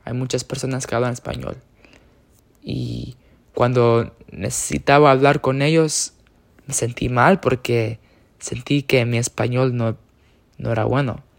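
A young man from the US, voice mid-range and steady with vocal fry, talks a little slowly about his own experience in a casual way. He's hesitant, filling pauses and revising what he says as he goes.

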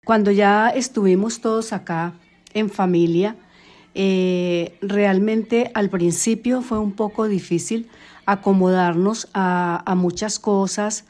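An older woman, a grandmother answering interview questions hesitantly, with many pauses and fillers. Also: medium pitch, steady tone, a little mellow. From Colombia. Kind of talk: casual family interview.

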